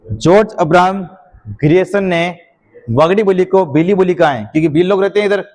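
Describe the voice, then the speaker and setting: A man's voice: high-pitched, fairly quick, a little mellow. A teacher dictating notes in a classroom lecture, often quizzing his students with a question and then answering it himself.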